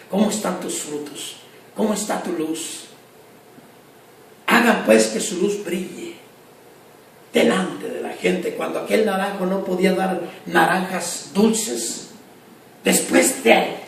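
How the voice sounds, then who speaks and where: A man, a lay missionary, preaching a sermon with impassioned, rising appeals and hushed asides. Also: high-pitched, creaky, a little hiss or hum. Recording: echoey, distant from the mic, faint ambience.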